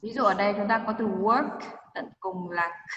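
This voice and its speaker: A woman's voice: mid-range voice, moderate pace, a bit bright, a little hiss or hum. Woman teacher drilling pronunciation in an echoey call. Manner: explains and drills pronunciation, modeling words for students to repeat. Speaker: English teacher. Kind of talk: online class teaching. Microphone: video call. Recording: roomy, long echo, dull lo-fi video call audio.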